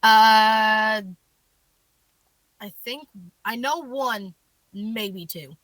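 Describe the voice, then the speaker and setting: A woman's voice: a little high, extremely slow, fairly bright tone, no room sound. A woman guesting on a podcast, chatting casually with dry, teasing remarks. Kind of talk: casual chat.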